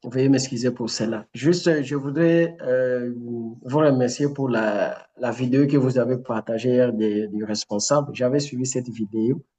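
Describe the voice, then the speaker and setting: A man in an online meeting, speaking politely and haltingly, with frequent fillers. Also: mid-range voice, warm tone. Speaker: program participant. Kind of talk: casual remarks in a meeting.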